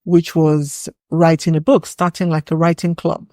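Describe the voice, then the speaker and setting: A Nigerian woman talking as a podcast guest, thoughtful and reflective as she recalls her younger years. Her voice sits low and mellow, and it sounds dry and close. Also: level tone, normal speed, no echo. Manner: reflective, recalling memories at an easy pace. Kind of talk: casual interview chat.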